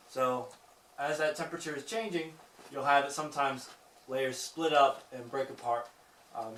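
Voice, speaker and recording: A male cave guide talks to his group in a reverberant cave, picked up from some distance. He explains in an informal, teacherly way and checks in with questions. His medium-pitched voice rings off the rock over faint background noise. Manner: jokey asides. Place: inside a lava tube cave.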